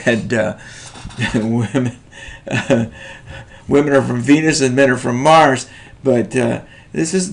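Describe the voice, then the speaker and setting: A middle-aged man lecturing on a short story, animated, with chuckling asides and many fillers. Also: medium pitch, creaky. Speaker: teacher.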